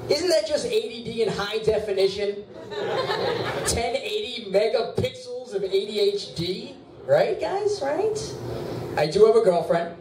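A man's voice: high-pitched, moderate pace, noisy background. A young man performing a stand-up set in a bar, with a whiny voice and crude, self-mocking punchlines. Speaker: stand-up comedian. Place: bar stage. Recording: roomy bar from far off, clear ambience.

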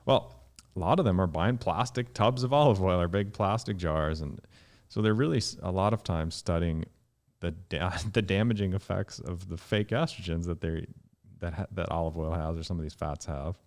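A man in his thirties, a guest scientist on a podcast, explaining in an animated way and jumping up in pitch to stress points, recorded in a dark studio on a studio mic. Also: moderate pace. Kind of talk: podcast conversation. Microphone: studio mic with headphones.

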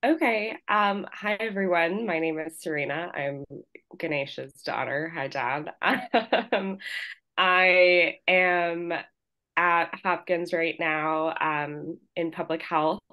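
A woman's voice: fairly low pitch, slow pace, bright, forceful tone. A young woman in her twenties, a public health student, introducing herself on a video call in a friendly way. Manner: friendly, light laughter between phrases.

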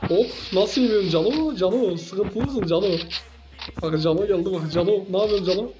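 A man giving excitable gameplay commentary as a gaming YouTuber, teasing his opponent with playful trash talk. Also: sits high, moderate pace, highs cut off, noisy background.

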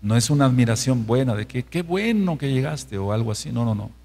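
A man's voice: mid-range voice, animated, brisk, mellow, husky. A man with a Mexican Spanish accent, a pastor teaching a sermon-style Bible study, who repeats phrases for emphasis and keeps asking his listeners if they follow. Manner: emphatic, repeats phrases, asks the congregation questions.

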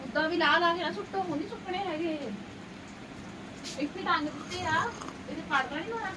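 A woman chatting casually in a home vlog, animated and repeating herself as she coaxes. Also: extremely high pitch, fairly quick. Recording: very noisy home phone recording.

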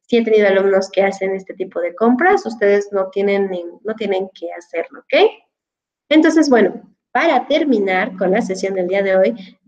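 Her voice is medium-pitched and a little mellow, heard through lo-fi sound, as this woman teaches English in an online class. Over her headset she patiently explains a dictionary app, speaking to the students formally and relying on many fillers.

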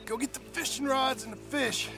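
An actor playing a gruff former outlaw turned rancher father, terse and steady. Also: very high voice, moderate pace. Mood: reassuring. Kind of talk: video game voice acting. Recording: game soundtrack music underneath.

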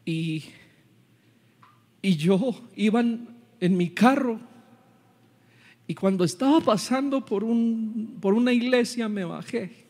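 A pastor putting on a pleading, high-voiced dealership manager. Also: male voice, slow pace, pauses often, a little mellow, exaggerated voice. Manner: pleading, high-pitched and choked. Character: distraught middle-aged male car dealership manager.

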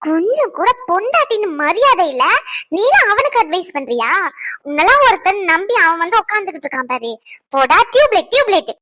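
A very high, bright cartoon wife with a sharp tongue, voiced by a woman, mocking her husband. Her pitch leaps up and down as she teases and scolds. The recording is dry and close. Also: big pitch swings, fairly quick, heavily acted. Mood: indignant. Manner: teasing, scolding. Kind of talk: cartoon drama dubbing.

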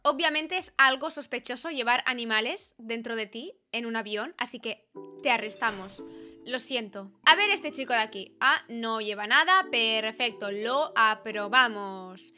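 Soft music plays behind a young woman whose voice is on the high side, a little slow, bright and forceful. She's a gaming YouTuber in a small bedroom with purple light, speaking close into an arm-mounted studio mic while playfully commenting on her game and reading its on-screen lines aloud.

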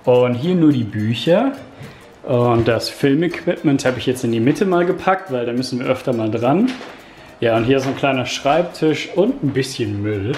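A man's voice: medium pitch, animated, normal speed, darkish tone, faint music behind. A young man chatting casually on a home vlog in short, matter-of-fact remarks. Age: 20s or 30s. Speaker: vlogger's partner and co-host. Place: sparsely furnished rooms at home. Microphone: handheld vlog camera. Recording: echoey bare room, some background noise.

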